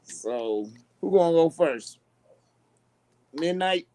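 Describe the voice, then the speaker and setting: Slow-talking, higher-voiced male co-host. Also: expressive, warm tone. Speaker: podcast co-host. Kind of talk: casual chat.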